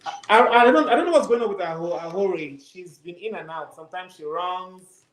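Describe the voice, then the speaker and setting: Man on a conference call, halting and repetitive, voice pitched a bit high, echoey room sound, cutting in and out. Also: a bit bright, a little hiss or hum. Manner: halting, repeats his words, laughs between phrases. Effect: remote conference call audio that breaks up. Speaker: guest caller. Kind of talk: casual sports chat. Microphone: distant device mic, no headphones. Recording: roomy echoey call line.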